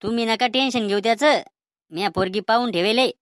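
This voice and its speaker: A woman voicing a bossy, stubborn old grandfather in a cartoon comedy, speaking with a Vidarbha Marathi accent in a gruff, defiant, threatening way. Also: a little high, a little fast, dry recording, clean studio sound, lightly acted.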